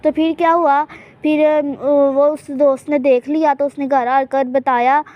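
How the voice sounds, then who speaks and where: A woman's voice: high-pitched, flat delivery, measured pace, muffled recording. A woman casually narrating a life-sim game in character, chatty and teasing, often hinting at secrets she won't share. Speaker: gameplay channel host.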